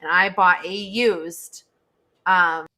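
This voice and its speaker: A woman's voice: on the low side, steady tone, slow, bright, forceful tone. A woman talking as a guest on a live stream from her home office, rambling with lots of fillers and restarts. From United States. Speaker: guest, social media consultant. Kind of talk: casual live-stream chat. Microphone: USB desk microphone.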